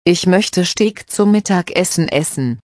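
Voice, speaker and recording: Curious girl asking questions, read by a woman, slow, slightly low. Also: lively intonation, dry recording, studio quality. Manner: questioning, plain.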